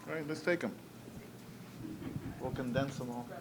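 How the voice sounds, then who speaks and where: A man who gives the lecture, calmly gathering audience questions and starting his answers in a plain, easygoing way. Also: medium pitch, normal speed, very noisy. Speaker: lecturer and moderator of the talk.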